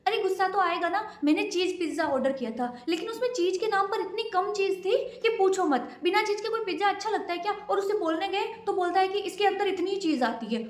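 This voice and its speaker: Woman doing a bratty young daughter, high whiny voice, demanding, echoey room. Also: quick pace, background noise, close to an everyday voice. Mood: indignant. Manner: whiny, indignant. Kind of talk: home-made short drama acting.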